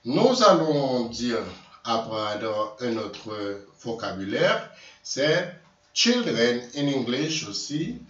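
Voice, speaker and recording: A man teaching vocabulary in a slow lesson, repeating words and correcting himself. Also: mid-range voice, a bit bright. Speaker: language teacher. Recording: distant echoey room, dull lo-fi sound.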